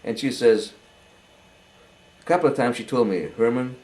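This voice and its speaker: An older man giving a halting, earnest personal testimony, often repeating words as he goes. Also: mid-range voice, darkish tone, low-quality recording. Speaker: interviewee.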